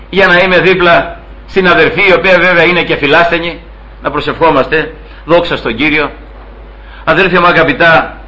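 A man with a high, bright voice preaching earnestly to his congregation. He calls them brothers again and again and lifts his voice to act out the people he quotes. His tone is clear and forceful. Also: rough recording. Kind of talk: sermon.

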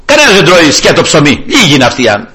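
Animated, high-voiced man preaching. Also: husky. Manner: animated storytelling, often addressing brothers. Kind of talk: sermon.

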